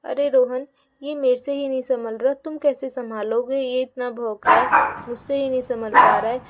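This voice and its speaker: A woman's voice: high-pitched, steady tone, normal speed, heavy background noise. A woman voicing a flustered young man, the kids' uncle, who panics and feels helpless in a doll-play bedtime story.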